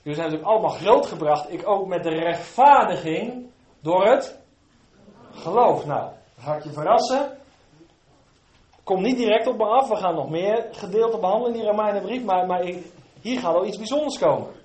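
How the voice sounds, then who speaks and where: A man preaching a sermon to his congregation, moving between quiet, low asides and loud, fervent emphasis. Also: animated, normal speed, reverberant.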